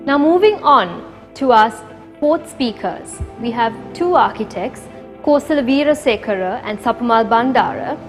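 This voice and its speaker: A woman reading formal scripted introductions as a conference host. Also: a little high. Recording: reverberant hall sound.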